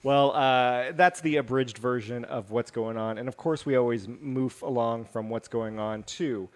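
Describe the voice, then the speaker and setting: A man's voice: medium pitch, measured pace. A man co-hosting a casual podcast, reading out news stories in a rambling, jokey way with lots of fillers and restarts. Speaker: podcast co-host.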